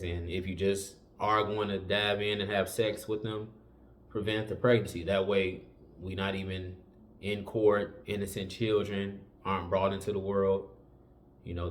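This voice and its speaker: Male host, low-pitched, lecturing viewers in a relaxed, repetitive way. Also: a little hiss or hum. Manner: preachy, conversational, repeats warnings with many fillers. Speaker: commentary channel host. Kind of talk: casual opinion commentary.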